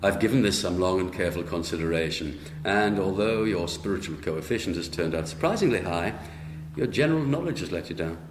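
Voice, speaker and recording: A man playing an officious, evasive head angel in a radio drama, speaking in a formal, measured, bureaucratic manner. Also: deep voice, lively intonation. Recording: roomy echo, faint noise.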